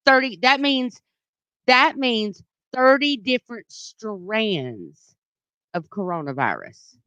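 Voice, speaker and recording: A woman's voice: fairly high pitch, lively intonation, slow, bright, forceful tone, clear, resonant tone, dry recording, muffled recording. A woman with a Southern US accent co-hosting a morning radio show, reading news items and then chatting casually in a studio. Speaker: radio co-host. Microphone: studio microphone.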